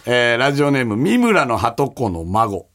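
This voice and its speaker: A man's voice: mid-range voice, wildly swooping pitch, moderate pace, fairly bright tone. A man with a Kansai accent hosting a casual comedy talk show, chatting loosely and reading listener mail aloud.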